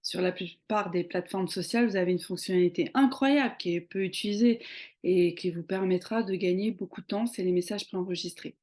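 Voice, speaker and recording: A woman's voice: lowish voice, fairly quick, dark tone. A young woman explaining social media tips in a casual tutorial, talking conversationally with many hesitant fillers. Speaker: social media marketing coach.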